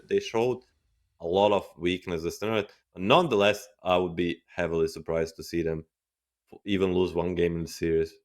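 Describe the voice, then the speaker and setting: A man co-casting a live esports match as analyst, weighing the odds in a thoughtful, halting way that restarts phrases. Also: low-pitched.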